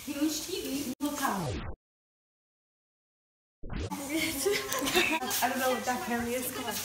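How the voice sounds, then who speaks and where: A woman's voice: sits high, animated, takes it slowly. Young woman vlogger, playful and mock-boastful, filmed on a phone in an echoey house with some noise behind her. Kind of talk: joking house tour. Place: large house and backyard. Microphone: handheld phone camera. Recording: roomy phone audio with background noise.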